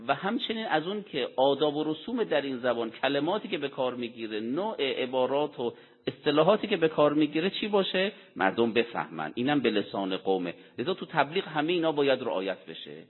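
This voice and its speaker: A man's voice: medium pitch, very animated, husky. Man lecturing over a tinny, echoey line. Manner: poses rhetorical questions and answers them himself; deliberate, explanatory delivery with Arabic quotations. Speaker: religious lecturer. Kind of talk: Quran commentary lecture. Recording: tinny phone-like sound with long hall reverb.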